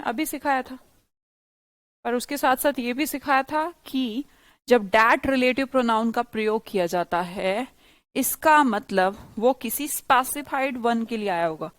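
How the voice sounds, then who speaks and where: A woman from India teaching an English grammar class live, explaining lively and teasing her students with quick questions. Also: high-pitched, dry recording.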